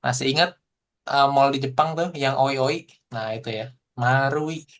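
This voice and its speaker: A man teaching a Japanese language class online, explaining in a relaxed, chatty way full of fillers. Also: medium pitch, measured pace. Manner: explains in relaxed casual Indonesian with frequent fillers.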